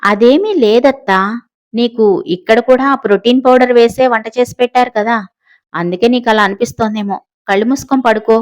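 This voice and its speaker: A woman's voice: on the high side, steady tone, natural voice. Woman putting on a scheming, mocking young woman. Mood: dismissive. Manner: boastful, mocking, quick to anger.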